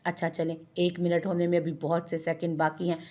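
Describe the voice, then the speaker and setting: In a narrated audio story, a woman reads the lines of a boastful young joker who never stops teasing his cousins, playful and mocking. Her voice sits a little low and is a little mellow, with a monotone, brisk, lightly acted delivery.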